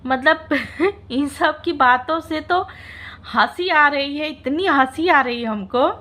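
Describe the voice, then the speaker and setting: A woman vlogger talks to her viewers in a high, bright voice. She speaks slowly and mockingly, teasing the people she is reacting to. Her lines keep dissolving into laughter and exaggerated, mock-tragic cries. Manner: mock-dramatic wailing. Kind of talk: casual reaction vlog.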